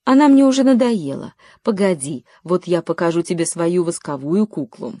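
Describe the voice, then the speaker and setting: A woman's voice: fairly low pitch, expressive, normal speed, warm tone, no echo. A woman voicing a spoiled, boastful little girl who talks in a haughty, dismissive way.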